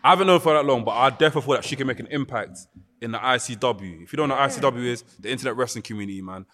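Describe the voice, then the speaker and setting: A man's voice: medium pitch, racing, a bit bright, in a large hall. A man with a London roadman accent and heavy street slang, casually hosting and hyping up guests on a podcast. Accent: London, urban street slang. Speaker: podcast host. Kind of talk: casual hype introductions of guests.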